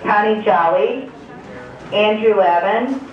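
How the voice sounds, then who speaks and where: Woman's slow announcement over a school intercom. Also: medium pitch. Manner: slow, even reading of a list of student names. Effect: school intercom loudspeaker. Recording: echoey, distant, muffled loudspeaker heard in a classroom.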